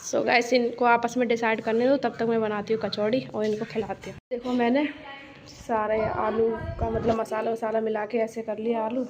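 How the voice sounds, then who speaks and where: A woman's voice: on the high side, flat delivery, moderate pace, lo-fi sound. A young woman chatting casually to her viewers as a vlogger. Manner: chatty, addresses viewers directly. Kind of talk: casual vlog chat.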